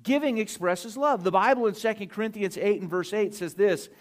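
A middle-aged man preaching a sermon, earnest and animated, telling stories with asides and restarts. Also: high-pitched, brisk. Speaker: pastor.

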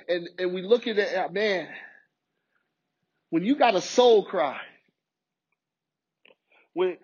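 A man's voice: high-pitched, breathy edge, muffled recording. A man preaching a sermon with passion, often repeating and restarting his words. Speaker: pastor.

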